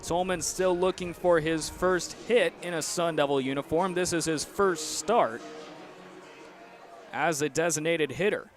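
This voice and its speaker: With ballpark or arena ambience and outdoor noise around him, plus faint music in the background, a young American play-by-play announcer calls the action live. His pitch is fairly high and his pace measured.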